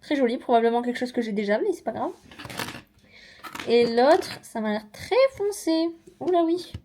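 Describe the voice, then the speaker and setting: Young female vlogger, relaxed unboxing chatter, animated asides, a touch high-pitched. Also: normal speed. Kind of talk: casual vlog chat, product unboxing.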